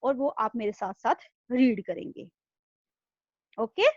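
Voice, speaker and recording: A woman's voice: a little high, slow pace, a little mellow, dry recording, dull audio. A woman teaching an online class to young children, patient and repeating herself. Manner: patient, repeats "thik hai?" after nearly every line. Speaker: primary school teacher. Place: home room, online video class.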